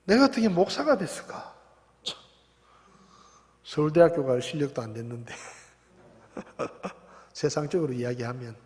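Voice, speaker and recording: A male pastor preaching a sermon, shifting between quiet reflection and loud emphatic passages, recorded in a church sanctuary. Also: mid-range voice. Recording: long reverb of a church hall.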